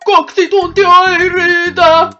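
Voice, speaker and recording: A woman's voice: very high-pitched, level tone. A woman voicing a flustered, easily panicked male police chief in an amateur cartoon fan dub. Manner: frantic, shouting, then coaxing. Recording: muffled audio with music underneath.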